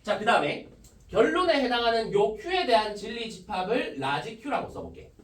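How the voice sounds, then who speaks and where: A man's voice: very high-pitched, sing-song, moderate pace. A male math teacher giving a classroom lecture, explaining step by step and opening nearly every phrase with a short "ja". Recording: echoey classroom, mic from a distance.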